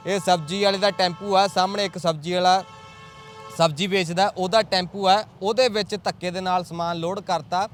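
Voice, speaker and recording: A man reporting from a street at night for a news channel, earnest and emotive, asking rhetorical questions before interviewing people. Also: high-pitched. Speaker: field reporter. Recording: faint traffic noise outdoors.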